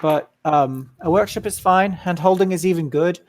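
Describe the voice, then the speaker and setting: A man's voice: sits high, crowd noise. Man explaining things at length. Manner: measured, explanatory, frequent ums. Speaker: staff member at a community meeting. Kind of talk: casual voice chat.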